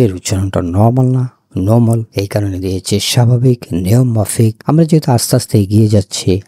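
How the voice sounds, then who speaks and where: A man teaching English vocabulary to Bengali speakers, saying each word and then repeating its meanings as a slow list. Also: fairly low pitch, dark tone, breathy edge, dry recording, clean studio sound. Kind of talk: vocabulary lesson.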